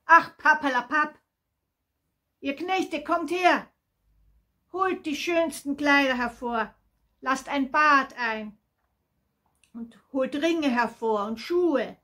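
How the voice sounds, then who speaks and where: A forgiving old father, overjoyed and calling out in a bright, rather high voice, as a woman storyteller puts him on. He speaks slowly and coaxes his son in a children's Bible story reading. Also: husky, full character voice. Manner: exclaiming, warm and pleading.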